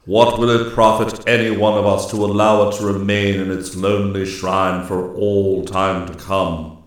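A man voicing a solemn male immortal master of the forest, speaking gravely and slowly in a storybook reading. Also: lowish voice, level tone, very echoey, close to an everyday voice. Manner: grave, slow and declaiming.

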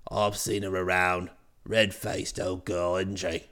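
A deep, gruff, overfamiliar rogue. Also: male voice, little pitch movement, takes it slowly, a bit bright, full character voice. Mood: cheery crude. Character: cheery, vulgar, overfamiliar former valet.

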